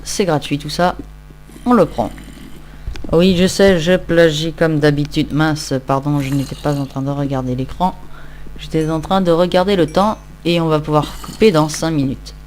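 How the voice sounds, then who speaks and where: A man's voice: fairly high pitch, steady tone, moderate pace, slight background noise. A tired man giving casual, rambling, self-mocking commentary while he plays a game. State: tired, just woke up. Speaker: Minecraft let's-play host.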